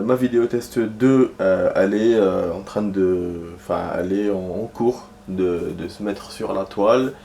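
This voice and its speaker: A gaming commentator with a low-leaning, mellow voice gives casual let's-play commentary, rambling and hesitant with lots of fillers and restarts. Slight background noise sits under the recording.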